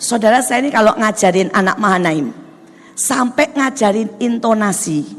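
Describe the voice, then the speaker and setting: A woman preacher delivering a lively sermon full of stories, often turning to the listeners and mimicking the people she describes. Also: medium pitch, moderate pace. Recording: long hall reverb, faint music.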